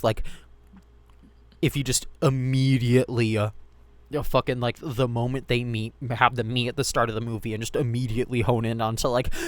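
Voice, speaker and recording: A man's voice: medium pitch, dry recording. Streamer guy, casual chat, rambling, swears, dry close sound. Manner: rambling, heavy filler words, swears casually.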